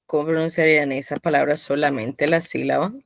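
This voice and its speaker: A woman's voice: sits low, steady tone, fairly quick, creaky, no echo. A woman teaching a live online language class, quizzing her students by name and patiently encouraging them. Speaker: Korean teacher.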